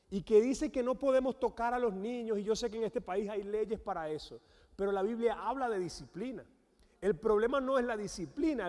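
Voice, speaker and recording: A man with a Venezuelan accent, a guest pastor, preaching a sermon with animated storytelling and acted-out quotes. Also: high-pitched. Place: church sanctuary. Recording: long church hall reverb.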